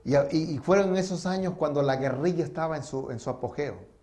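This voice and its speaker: A male pastor telling a story in a church sermon, swinging between loud and hushed delivery. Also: fairly high pitch, brisk.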